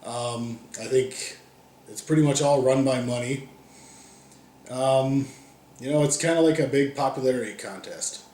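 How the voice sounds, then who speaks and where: An American man answering interview questions in a relaxed, casual way with frequent ums. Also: medium pitch, a little slow. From United States. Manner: relaxed, many ums and uhs. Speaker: interview guest. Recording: echoey room, faint background noise.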